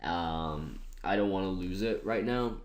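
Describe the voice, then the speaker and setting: A man's voice: sits low, measured pace. A man giving casual commentary over an online game battle, thinking aloud in a chatty, self-mocking way. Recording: roomy echoey room.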